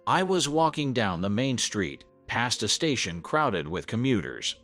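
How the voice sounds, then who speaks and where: A man's voice: mid-range voice, sing-song, unhurried. A man narrating a first-person story in an earnest, scripted way. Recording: soft background music.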